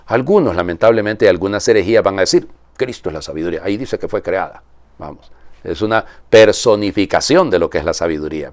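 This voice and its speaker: With a lowish, slightly mellow voice and no room sound, a man reads from the Gospel as a priest. His homily is conversational, full of rhetorical questions tacked onto his statements.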